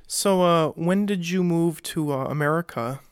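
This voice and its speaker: Smooth, dry-sounding family interviewer. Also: mid-range voice, normal speed, no room sound. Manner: hesitant, gentle questions with fillers. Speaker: interviewer, grandchild.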